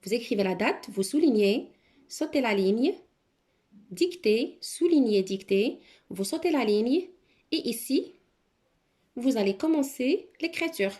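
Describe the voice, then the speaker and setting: A primary school teacher gives children a dictation lesson, articulating each word carefully and repeating it twice. Her voice is a little high and warm with lively intonation, unhurried with long pauses, in a recording with roomy echo.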